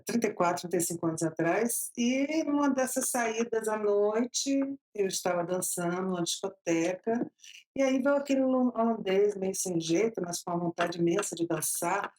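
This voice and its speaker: On a low-quality recording, a Bahian woman in her fifties shares her life story as an interview guest, her mid-range voice carrying a darkish tone. She talks freely, laughing a lot, and stretches her phrases out at a slow pace in Bahian Brazilian Portuguese.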